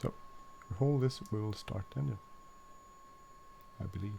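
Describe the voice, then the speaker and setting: A non-native English-speaking man who hosts flight sim videos casually walks through a flight simulator, hesitating and correcting himself with plenty of fillers. His voice is fairly low, creaky, and mellow, at a moderate pace. Slight background noise runs under this casual gameplay walkthrough.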